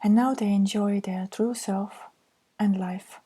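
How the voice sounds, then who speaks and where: Reading course slides in a gentle, soft-spoken manner, an anxiety counselor speaks slowly with a steady, mid-range voice that has a breathy edge. She is a native Estonian speaker with an Estonian accent.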